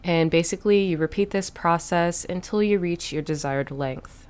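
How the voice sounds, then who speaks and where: A woman hosting a step-by-step software tutorial, explaining each click in a plain, instructive way. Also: fairly low pitch, moderate pace, clear, resonant tone. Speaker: tutorial host.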